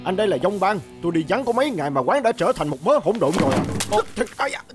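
A man's voice: high-pitched, big pitch swings, fast talker. A male voice actor dubbing a bossy, hot-tempered male gang boss who barks orders, over background music. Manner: barking, domineering. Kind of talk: dubbed drama.

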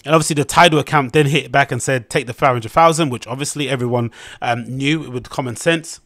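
A man's voice: mid-range voice, fairly quick, fairly bright tone, no echo, clean studio sound. A young man with a London accent, hosting his podcast and giving blunt, rambling commentary on a news article, with lots of fillers and restarts. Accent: London English. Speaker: podcast host.

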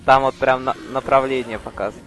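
A man's voice: mid-range voice, flat delivery, fast talker, fairly bright tone, soft background music. Young man chatting playfully over a game. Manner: playful, exclaiming, stumbling over words. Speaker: gamer in co-op let's play. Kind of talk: casual chat while gaming.

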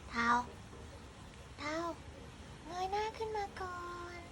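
Speaking slowly against background noise, a woman coos questions at a stray cat, coaxing it with short repeated phrases. She's a cat vlogger, chatting playfully with both the animal and her viewers.

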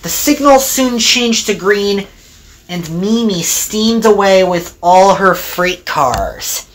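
A woman narrating a homemade train story in an unhurried, sing-song way. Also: mid-range voice, animated.

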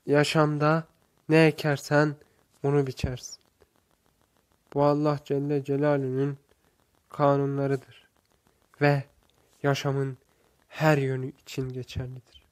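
A man narrating a religious parable in slow, measured scripted storytelling, raising his voice for the shouted lines. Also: mid-range voice, monotone, clean tone.

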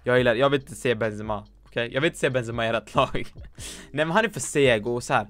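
A man's voice: mid-range voice, fairly bright tone. Blunt, joking Swedish-speaking gamer man. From Sweden. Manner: blunt, joking, swears often, mixes English slang. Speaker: gaming YouTuber reviewing viewers' teams. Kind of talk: casual commentary. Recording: faint music behind.

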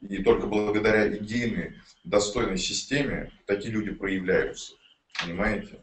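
A man's voice: lowish voice, fairly even intonation, normal speed. A man chatting casually to viewers and reading messages aloud, blunt and given to swearing. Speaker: promoter of an online investment project. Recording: roomy, distant mic, light background noise.

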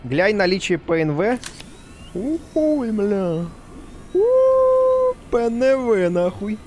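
A male game streamer with a fairly high voice and very lively intonation. He comments casually, jokes and swears freely. Game music plays clearly behind him. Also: slow pace. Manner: joking, sweary, reacts out loud. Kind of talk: casual live gaming commentary. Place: indoor room, streaming setup. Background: game music and effects.

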